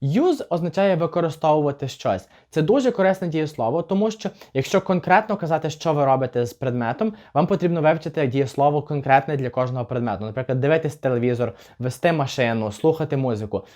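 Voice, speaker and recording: Male English teacher, clear and patient. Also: fairly high pitch, expressive, darkish tone. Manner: slow, careful model pronunciation of example phrases. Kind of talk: language lesson for beginners.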